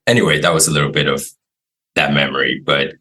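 A man from Taiwan with a very deep, husky voice that still has a bright, forceful edge. He tells his story as an interview guest, relaxed and rambling, with many fillers. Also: fast talker, rough recording. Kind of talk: casual interview.

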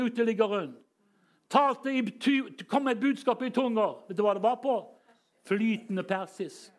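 A man preaching a charismatic sermon, telling stories and bursting into shouted hallelujahs. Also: very high-pitched. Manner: storytelling that swings up into shouted hallelujahs, chuckles.

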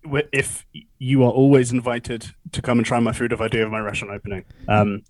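A man's voice: mid-range voice, little pitch movement, a little fast, a little mellow, no echo, rough recording. A young man chatting as a podcast guest, laughing often and poking fun at himself. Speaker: podcast guest, cruise ship entertainer. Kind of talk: casual interview chat.

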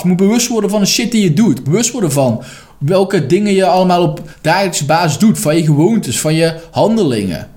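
A man's voice: on the high side, darkish tone. A man who works as a life coach, giving a direct, emphatic motivational podcast monologue and now and then swearing bluntly.

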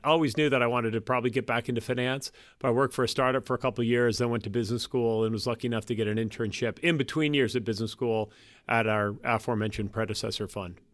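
Male podcast guest in his 50s, self-deprecating, halting, dry sound. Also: mid-range voice, fairly bright tone, no echo. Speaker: guest, private equity partner. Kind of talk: casual podcast interview.

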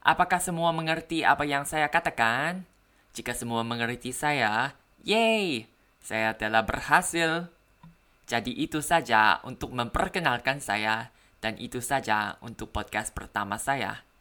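A woman with a very deep voice presents a personal podcast as a foreigner speaking Indonesian. She has a learner's accent and speaks carefully, as someone working in a language that is not her own. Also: normal speed, bright, forceful tone. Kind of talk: prepared personal podcast monologue.

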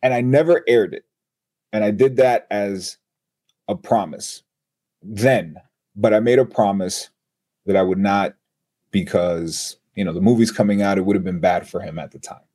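Husky-voiced male guest, animated raconteur acting out quotes. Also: lowish voice, moderate pace. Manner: animated storyteller who acts out quotes. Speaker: guest, TV and radio personality. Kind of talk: storytelling in a podcast interview.

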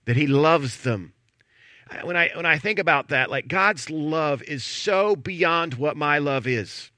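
A middle-aged man preaching a sermon as pastor, telling a story in a chatty, animated way. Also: on the high side, slow pace, no room sound, clean studio sound. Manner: conversational storytelling with animated emphasis.

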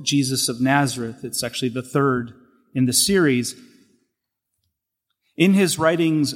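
Male clergyman for homily, unhurried and measured, voice ringing through a reverberant church like cathedral echo. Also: medium pitch, fairly bright tone. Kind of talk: scripture reading and homily. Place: large echoing church.

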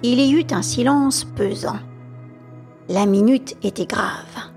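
A woman narrating a classic detective story in a steady, measured way for a podcast. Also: a little high, soft background music. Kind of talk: audiobook narration.

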